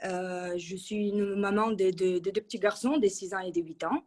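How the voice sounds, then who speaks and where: A woman's voice: mid-range voice, moderate pace, a little mellow. A woman in her thirties giving a casual testimonial in an interview, chatty and full of restarts. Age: 30s. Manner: chatty, with many restarts and fillers. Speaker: coaching client giving a testimonial.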